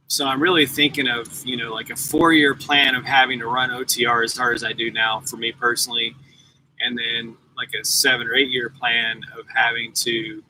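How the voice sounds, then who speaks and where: A man's voice: mid-range voice, sharp tone, a little hiss or hum, poor audio. A man in his forties, a truck driver chatting casually and rambling to viewers on a live stream from his parked truck at the yard. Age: 40s. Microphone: laptop mic.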